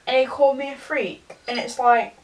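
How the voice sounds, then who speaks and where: A young woman, tipsy, giving a rambling, halting confessional rant to a camera some distance away. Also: high voice, steady tone. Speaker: vlogger. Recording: distant from the mic.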